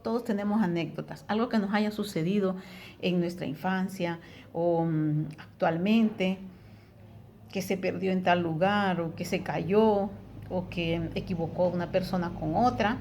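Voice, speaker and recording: A woman's voice: lowish voice, a little slow, a little mellow, slight background noise. Tutor woman, frequent tag questions. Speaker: teacher. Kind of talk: recorded Spanish tutoring lesson.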